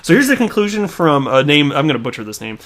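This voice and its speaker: His voice a little high and a bit bright, a Midwestern crypto YouTuber talks fast with big pitch swings. He reads tweets and comments casually on his own channel, chatty, heavy on fillers, and prone to repeating words.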